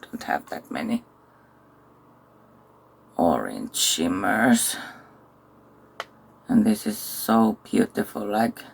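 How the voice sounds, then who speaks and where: A tired woman, chatting casually through a makeup tutorial and thinking aloud with soft asides. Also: a bass voice, huge pitch swings, takes it slowly, gravelly, long pauses, a little hiss or hum. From Finland. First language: Finnish. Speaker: makeup vlogger.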